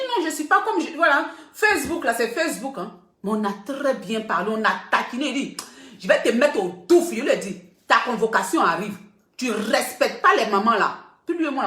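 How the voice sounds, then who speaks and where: A woman's voice: a little high, a bit bright. A middle-aged woman blogger talking casually to her viewers, emphatic and repeating points for stress. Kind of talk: casual live video talk. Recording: roomy echo.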